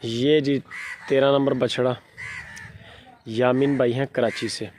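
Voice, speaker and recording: A man's voice: medium pitch, steady tone, takes it slowly, darkish tone, a little hiss or hum. Chatty man narrating at a cattle farm. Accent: Pakistani Urdu. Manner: chatty, narrating while walking around livestock. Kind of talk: casual on-site commentary. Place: outdoor cattle farm pens.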